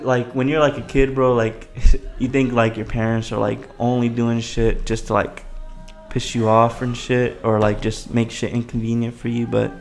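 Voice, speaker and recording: A young adult man chatting casually as a podcast co-host, full of slang and swearing, with a gravelly voice. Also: medium pitch.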